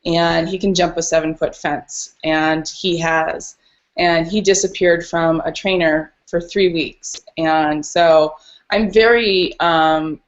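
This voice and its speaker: Speaking as a guest on a podcast, a dog rescuer shares stories in a casual, earnest way during an interview. Her voice is on the low side, and the audio sounds dull.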